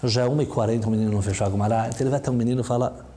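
Lively male storyteller, mellow voice. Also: mid-range voice, very fast. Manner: lively, acting out dialogue. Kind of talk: animated storytelling.

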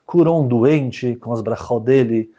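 A man's voice: medium pitch, a little slow, muffled recording. A man telling a story to a group, repeating phrases and acting out the dialogue. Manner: animated, repetitive, acts out dialogue.

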